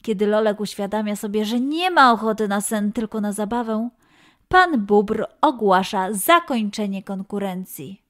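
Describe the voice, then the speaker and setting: A woman with a medium-pitched voice narrates a scripted children's story in an expressive, deliberate manner.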